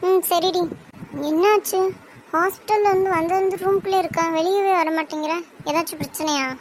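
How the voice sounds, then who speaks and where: A woman's voice: extremely high pitch, steady tone, moderate pace, slight background noise, rough recording. A woman voicing a caring older sister in a cartoon drama, who coaxes and insists in an affectionate way. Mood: concerned.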